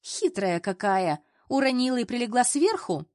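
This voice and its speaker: A woman voicing a jealous young female colleague who is shrill and picks fights. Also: brisk, no room sound, clean studio sound, lightly acted. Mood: furious. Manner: shrill, scandal-making.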